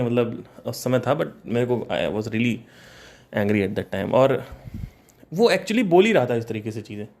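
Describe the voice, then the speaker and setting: A young man from Kanpur telling a personal story in a casual, animated way, slipping English phrases in and laughing between lines. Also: mid-range voice.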